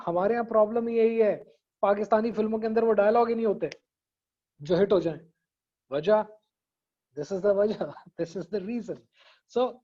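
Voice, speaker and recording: A man's voice: high-pitched, a little mellow, muffled recording. A man giving an online public speaking lesson in a conversational way, often checking in with his students. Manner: conversational, mixes English phrases, frequent "theek hai" checks. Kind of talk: online class lecture. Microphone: video call.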